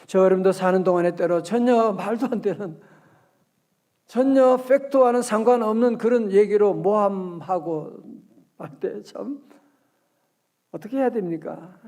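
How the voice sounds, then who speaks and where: At an early-morning prayer service, a high-sitting male voice preaches with lively, conversational energy. The pastor often turns questions on the congregation, and his scripture readings are slow and measured.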